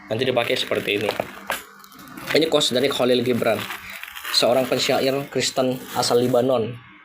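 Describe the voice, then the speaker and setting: A man's voice: mid-range voice, steady tone, normal speed, background noise. Chatty man. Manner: chatty, loose, mixing in English thanks. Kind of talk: casual live-stream chat.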